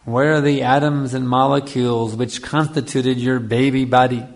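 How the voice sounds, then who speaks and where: Giving a Hare Krishna style lecture on scripture, a male spiritual teacher speaks at normal speed in a medium-pitched voice with fairly even intonation. He teaches didactically, repeating phrases for emphasis and checking in with the audience.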